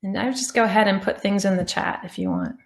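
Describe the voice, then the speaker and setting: A woman's voice: mid-range voice, wildly swooping pitch, quick pace. A woman giving an informal, conversational presentation to an online audience, feeling her way through phrases and rephrasing as she goes. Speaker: presenter of an online climate talk. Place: indoor room on an online meeting. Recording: roomy, echoey sound.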